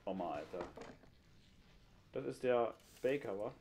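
A man's voice: on the low side, expressive, measured pace, darkish tone, slight background noise. A man giving casual, joking running commentary while playing a horror game, recorded at home on a headset. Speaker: gameplay commentator. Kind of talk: casual let's-play chat.

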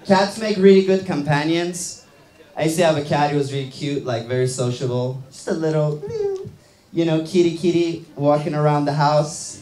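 A man's voice: a little high, moderate pace, warm tone. Iranian-born man doing stand-up, roomy club. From Iran. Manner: loose, conversational delivery full of fillers and tag questions. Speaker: stand-up comedian. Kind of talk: stand-up comedy set. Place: small comedy club stage with live audience. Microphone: handheld mic.

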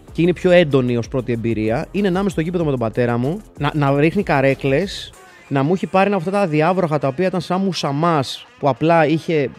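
A man telling stories as an interview guest, rambling and correcting himself, and growing loud and animated when excited. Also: medium pitch. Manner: rambling, with frequent self-corrections and restarts. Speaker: interview guest, football fan. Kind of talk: casual anecdotal storytelling. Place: seated in an armchair in a studio.

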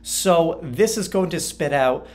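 A man's voice: on the high side, animated, slow. A man explaining marketing prompts in a casual tutorial, checking in with "right?" and often restarting his sentences. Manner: conversational, frequent "right?" tags and restarts. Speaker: online marketing teacher.

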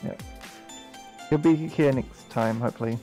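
A man co-hosting a casual podcast stream, chatting excitedly while watching a game, laughing and repeating himself often. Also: mid-range voice, moderate pace, soft background music, poor audio. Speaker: podcast co-host.

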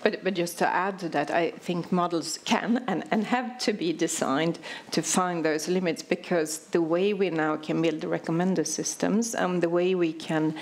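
A woman's voice: on the low side, fairly even intonation, normal speed. A middle-aged woman speaking as a digital strategist on a conference panel, emphatic and gesturing with both hands. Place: large auditorium stage with audience.

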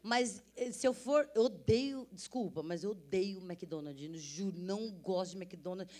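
A woman's voice: medium pitch, a little slow, a little mellow. A middle-aged woman, an interview guest telling a story with lots of energy, acting out voices and laughing often. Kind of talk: animated storytelling.

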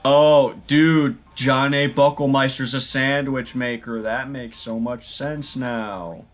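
A young man streaming a game, chatting casually with loud jokes and laughter. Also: mid-range voice, slow pace, faint music behind. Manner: loud, laughing, joking, lively. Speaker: gaming streamer. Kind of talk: casual chat while playing.

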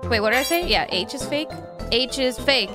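A young woman streaming live, chatting casually with viewers, playful and quick to swear and laugh. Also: sits high, animated. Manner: playful, swears and laughs often, reads chat aloud. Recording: music playing behind voice.

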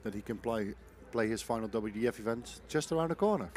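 A man's voice: medium pitch, animated, fast. A man giving chatty live commentary on darts as one of two commentators. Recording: faint venue noise behind.

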